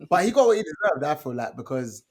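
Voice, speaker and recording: A man co-hosting a podcast, excitable and full of slang in casual chat. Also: on the high side, fast, breathy edge. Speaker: podcast co-host.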